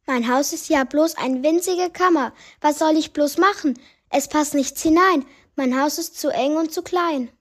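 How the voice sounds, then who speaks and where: A woman's voice: high-pitched, a little slow. A woman voicing a fretful, forever complaining old grandmother in a rhyming story. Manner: rhyming, wailing lament.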